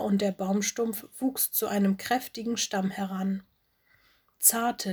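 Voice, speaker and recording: A woman narrating a children's audiobook in a calm, gentle storytelling manner. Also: medium pitch, breathy edge.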